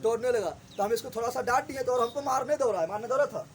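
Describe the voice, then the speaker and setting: A man, teaching a story chapter to a class, often asking a quick question and answering it himself. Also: extremely high pitch.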